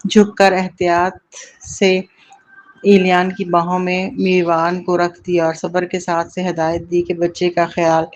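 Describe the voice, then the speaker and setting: An audiobook narrator reading a novel episode in a steady, unhurried way. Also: medium pitch. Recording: dull lo-fi recording.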